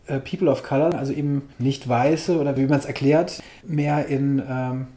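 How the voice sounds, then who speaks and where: A man hosting an interview, asking questions in a halting way and searching for words. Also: mid-range voice, fairly even intonation, dark tone, roomy sound. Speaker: podcast host, interviewer. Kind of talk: casual interview.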